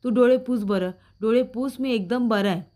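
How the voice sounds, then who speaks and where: A woman voicing a greedy, scheming young man who talks smoothly to get his way. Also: fairly high pitch, normal speed, warm tone, pitched above the performer's own voice, close to an everyday voice. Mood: sly, defiant. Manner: smooth, sly.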